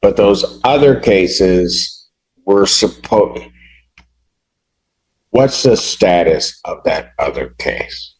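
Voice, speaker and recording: A man serving as a judge, speaking from the bench in a courtroom recording, halting and restarting his sentences as he grows exasperated. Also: low voice, lively intonation, slightly rough, poor audio.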